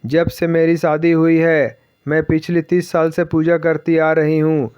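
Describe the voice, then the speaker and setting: A man's voice: a little high, monotone, measured pace, darkish tone, smooth, no echo, natural voice. A man reading the lines of a devout old village mother who pleads and laments, in a slightly dull, dry recording. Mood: anguished.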